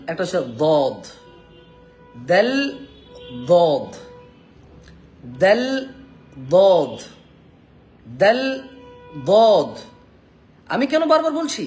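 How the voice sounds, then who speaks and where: A man teaching Quran pronunciation in a live online lesson, coaxing viewers to repeat each letter after him and checking in often. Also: high voice. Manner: repeats Arabic letters slowly, checks in with "কেমন?".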